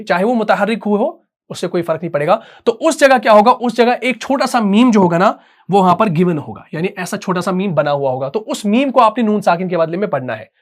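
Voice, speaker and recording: A man teaching Quran recitation. He talks patiently and repeats himself, slows down to dictate terms, and keeps asking whether the point is clear. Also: high voice. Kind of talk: dictated classroom lesson.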